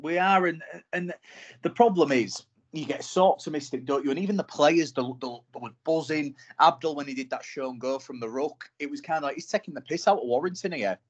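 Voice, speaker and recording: A man, co-hosting a casual rugby league podcast, talking in an animated, frustrated fan's way. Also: on the high side, a little fast, breathy edge, muffled recording. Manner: animated, frustrated fan talk. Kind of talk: casual sports chat.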